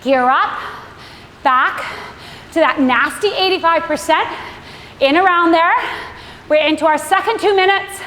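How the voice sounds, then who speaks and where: Female indoor cycling coach, cycling hard as she talks: slow, high, effortful commands in a reverberant room. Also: fairly bright tone. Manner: cycling hard while talking, effortful short urging phrases. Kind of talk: live workout instruction. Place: indoor room with large windows, on a stationary bike. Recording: echoey room, clear background noise.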